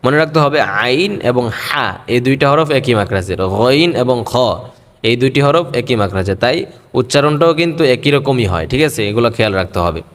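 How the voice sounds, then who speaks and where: A man teaching a patient pronunciation lesson on Arabic letters, in a mid-pitched voice. He says each letter slowly and stretches it out in a half-sung way. His voice rings on in a long hall reverb. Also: animated.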